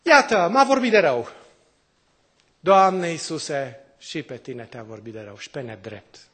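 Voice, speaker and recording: High-voiced male preacher asking rhetorical questions. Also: expressive. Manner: swings between loud exclamations and quiet drops. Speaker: priest. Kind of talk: sermon.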